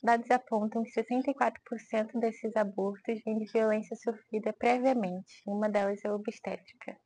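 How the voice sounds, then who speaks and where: A woman reads statistics in a scripted narration. Her voice is somewhat high yet mellow and warm, recorded dry and close with no room around it. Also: steady tone, moderate pace, no room sound, poor audio. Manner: reading statistics aloud.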